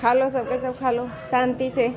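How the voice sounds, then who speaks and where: A woman's voice: high voice, completely flat delivery, normal speed. A woman casually vlogging as she feeds her birds and pets outdoors, talking to them in a fond, coaxing way. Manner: fond, coaxing talk to animals. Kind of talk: casual vlog commentary. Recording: noisy outdoor ambience.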